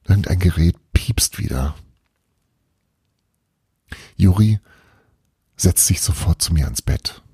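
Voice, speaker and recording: A man reading a first-person novel aloud in a hushed, often half-whispered way. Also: low voice, lively intonation, slow, long pauses, breathy edge, no echo, clean studio sound. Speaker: audiobook reader.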